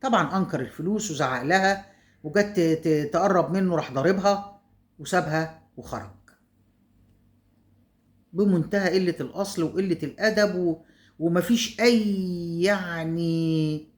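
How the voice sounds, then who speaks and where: A woman's voice: fairly low pitch, moderate pace, long pauses. A woman with an Egyptian accent telling a story casually, chatty, with asides to her viewers. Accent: Egyptian Arabic.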